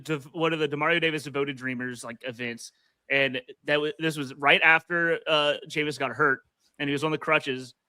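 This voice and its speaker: Guy with a really bright sharp voice, rambling story, uh-ing a lot, dry mic. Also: on the high side, dry recording. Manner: hesitant storyteller with fillers. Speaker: podcast co-host. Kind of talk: casual sports podcast chat.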